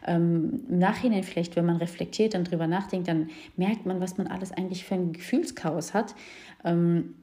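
Frank young mother, low mellow voice. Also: steady tone. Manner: frank and open, often pausing with fillers. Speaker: new mother sharing her birth experience. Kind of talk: casual personal account to viewers.

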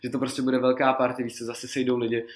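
A man telling loose, rambling stories as a guest, laughing often and filling pauses with lots of small words. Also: medium pitch, completely flat delivery. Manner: rambling, laughing, full of fillers. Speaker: guest rapper. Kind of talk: casual storytelling.

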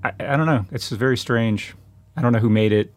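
A man co-hosting a film podcast, chatting casually in a halting, rambling way with many restarts. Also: medium pitch, dry recording. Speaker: podcast co-host.

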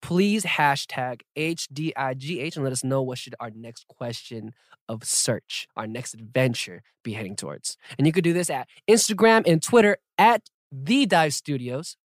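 A young man hosting a podcast in a playful, lively way, reading listener questions and chatting casually. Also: mid-range voice, normal speed, no echo, studio quality. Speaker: podcast host.

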